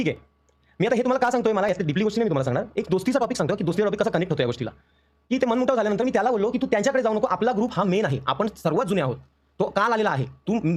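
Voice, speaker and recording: A young man, venting on a live stream in an emotional, aggrieved rush. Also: high-pitched. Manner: emotional, aggrieved, rapid storytelling. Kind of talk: heated live-stream rant.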